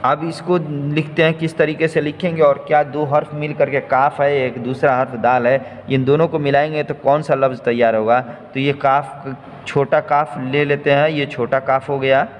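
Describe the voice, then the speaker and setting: A man's voice: on the high side, fairly even intonation, normal speed. A man teaching how to write and read Urdu letters, explaining step by step and repeating each point patiently. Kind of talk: slow step-by-step lesson. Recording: faint noise, long hall reverb.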